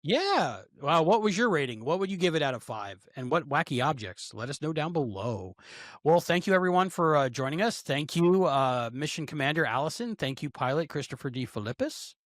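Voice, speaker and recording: Podcast host, man, fairly high and very animated voice, close dry mic, upbeat wrap-up energy. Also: brisk, no room sound. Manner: upbeat, thanks everyone in turn. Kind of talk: casual chat.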